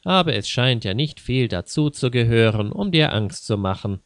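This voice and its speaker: A man's voice: medium pitch, expressive, normal speed, no room sound, studio quality, lightly acted. A man doing a sneering sarcastic man. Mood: mocking. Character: mocking, dry-humored grown man.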